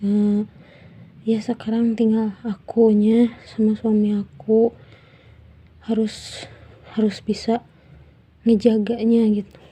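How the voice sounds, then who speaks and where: A woman tells a personal story in a soft, halting voice that often drops near a whisper, sounding tearful. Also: a little high, flat delivery, slightly rough. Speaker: vlogger.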